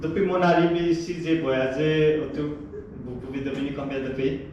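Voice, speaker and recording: A man with a foreign accent in French, giving an informal live presentation haltingly, repeating and searching for his words. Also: a little high, fairly even intonation, darkish tone, highs cut off. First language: not French. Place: echoey room, presenting to a group. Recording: echoey, distant, noisy room.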